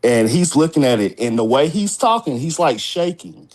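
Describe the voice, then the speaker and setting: A man's voice: fairly high pitch, expressive, normal speed, a little mellow. Rambling man telling a story on a call. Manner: rambling, addresses listeners as y'all. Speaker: caller sharing a story. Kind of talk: casual storytelling on a video call. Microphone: video call.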